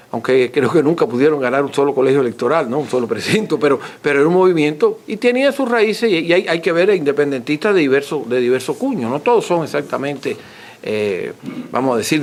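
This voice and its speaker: A man gives an extempore scholarly talk as a lecturer, teaching courteously and repeating points for emphasis. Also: mid-range voice. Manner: didactic, emphatic repetition, courteous. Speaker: author and lecturer answering audience questions.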